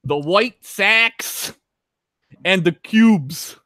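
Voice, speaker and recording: A man's voice: high-pitched, drawn-out words, bright, forceful tone, no echo, studio quality, voice pushed up, exaggerated voice. A man putting on a hammy Chicago sports fan. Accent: put-on Chicago.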